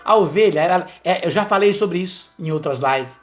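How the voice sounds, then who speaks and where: A man's voice: sits high, brisk, faint music behind. A man, a lay preacher, telling his personal testimony on a live stream in a conversational, storytelling manner. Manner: conversational, storytelling, frequent tag questions.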